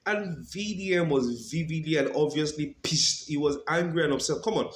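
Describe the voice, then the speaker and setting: A man's voice: fairly high pitch, normal speed, roomy sound, slight background noise. A Nigerian man hosting a legal commentary channel, talking casually and animatedly, often saying "come on".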